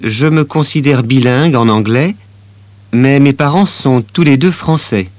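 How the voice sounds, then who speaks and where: A man playing a French teenage boy in a scripted listening exercise, speaking calmly and plainly. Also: medium pitch, measured pace, no echo, natural voice. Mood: steady. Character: young French teenage boy telling about languages.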